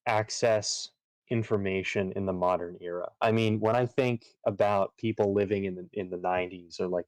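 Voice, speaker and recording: A man's voice: sits low, darkish tone, dry recording. A man chatting casually on a livestream, rambling with lots of fillers and restarts. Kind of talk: casual chat while gaming on a livestream.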